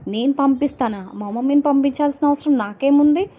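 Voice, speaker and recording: An indignant young wife fires off defensive question after question, as a woman retelling a serial plays her. The voice sits a little high and stays mellow, never sharp. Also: fairly quick, natural voice.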